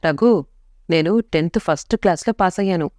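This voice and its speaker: A woman's voice: on the low side, normal speed, a little mellow, no echo, studio quality, lightly acted. A woman voicing an earnest, easily hurt teenage girl in a story, speaking eagerly and pleading.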